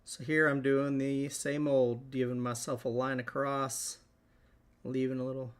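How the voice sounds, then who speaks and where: A man hosting a live painting stream, talking through each step in a relaxed way as he works. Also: mid-range voice, measured pace, clear, resonant tone. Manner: relaxed, thinking aloud while working. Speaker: host.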